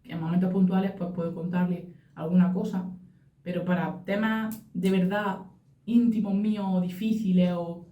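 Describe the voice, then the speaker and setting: Earnest woman, dark roomy sound. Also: lowish voice, flat delivery, normal speed, distant mic, lo-fi sound. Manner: earnest, acts out quoted phrases. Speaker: podcast co-host, mother. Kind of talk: casual reflective chat. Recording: roomy echo, off-mic.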